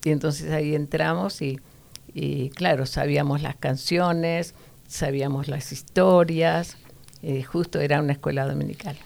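A woman's voice: low voice, measured pace, creaky. A middle-aged woman, telling a childhood story as an interview guest and acting out the voices in it. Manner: animated storyteller, voices her childhood self and sister. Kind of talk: personal testimony in casual interview.

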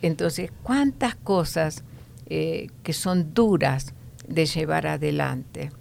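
Deep gravelly older woman. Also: a little mellow, a little hiss or hum. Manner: measured, explanatory, many fillers. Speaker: host.

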